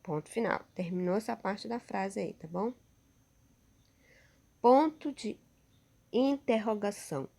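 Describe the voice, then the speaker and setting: Woman, Brazilian Portuguese accent, schoolteacher, unhurried, patient, frequent check-ins. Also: mid-range voice, lively intonation, creaky, warm tone. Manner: slow, patient, often checking in with the class. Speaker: teacher. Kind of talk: remote class lesson over slides.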